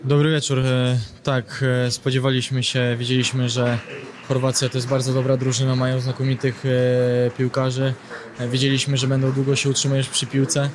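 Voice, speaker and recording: A young footballer answering hesitantly with many fillers in a post-match interview, into a handheld microphone. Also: male voice, medium pitch, monotone, normal speed. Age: young adult. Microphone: handheld broadcast mic.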